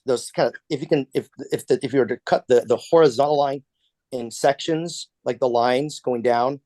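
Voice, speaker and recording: A man's voice: mid-range voice, moderate pace, a little mellow, dry recording. A man leading a casual church class discussion over a video call, talking conversationally with frequent restarts.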